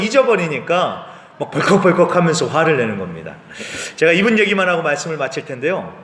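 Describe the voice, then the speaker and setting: A man preaches a sermon from the pulpit, his fairly high voice rising and falling with lively swings as he poses rhetorical questions and answers them himself. The sound hangs in a church sanctuary, with a long reverb trailing after each phrase. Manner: conversational preaching with frequent rhetorical questions and affirming "yes". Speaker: pastor. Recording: echoey church hall reverb.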